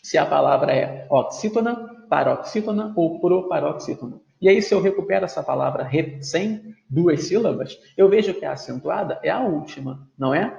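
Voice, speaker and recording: A man with a fairly high, creaky, slightly mellow voice and lively intonation teaches a grammar video lesson. He explains patiently, drawing out words syllable by syllable and often checking in with tags like "tudo bem?", in an echoey room with dull lo-fi sound.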